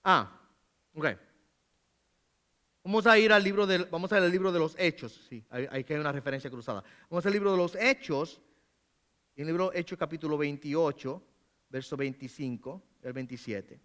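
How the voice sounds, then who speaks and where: A pastor delivers a teaching sermon in a church. The man's voice sits high, bright and clear, and he keeps checking in with rhetorical questions while explaining. When he reads scripture aloud he leans on the words. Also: brisk, pauses often. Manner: asks rhetorical questions, frequent "¿verdad?".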